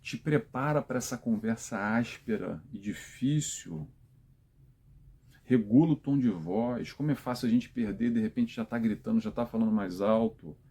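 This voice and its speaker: Gravelly, husky man. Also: medium pitch, moderate pace, warm tone. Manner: conversational, gives advice straight to viewers. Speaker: spiritist talk host. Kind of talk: informal spiritual talk.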